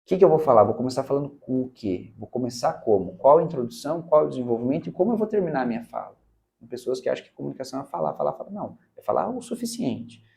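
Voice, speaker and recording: Gravelly-voiced Brazilian man, emphatic. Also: medium pitch, racing. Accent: Brazilian Portuguese. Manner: emphatic, animated, says "cara" and "né" often. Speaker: public speaking mentor. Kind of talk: casual interview talk.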